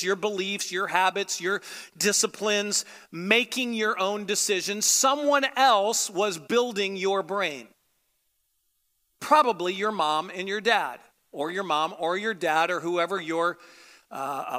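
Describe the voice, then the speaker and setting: A man's voice: high-pitched, sharp tone. An American man preaching a sermon in a conversational, emphatic way, repeating phrases for emphasis. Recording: echoey hall with long reverb.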